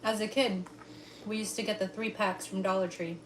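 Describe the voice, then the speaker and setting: A woman's voice: medium pitch, steady tone, normal speed. A woman co-hosting a cooking livestream, chatting casually with a playful, joking manner. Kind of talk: casual chat while cooking and eating. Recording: echoey room with faint noise.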